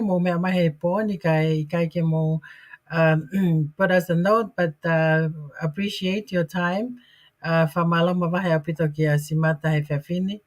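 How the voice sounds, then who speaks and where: A host with a Tongan accent, speaking casually and tagging remarks with "eh?". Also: medium pitch. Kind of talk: casual bilingual programme hosting.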